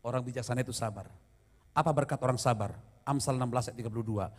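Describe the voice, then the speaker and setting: A man's voice: medium pitch, quick pace, darkish tone. A middle-aged man preaching a sermon as pastor, mixing humorous stories with call-and-response to the congregation. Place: church hall. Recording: long church reverb.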